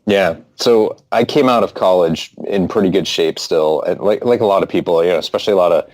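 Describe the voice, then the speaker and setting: A man's voice: low-pitched, fairly quick, darkish tone. A man being interviewed as a guest, telling a personal story in a reflective way with frequent fillers. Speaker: guest author. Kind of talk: interview conversation.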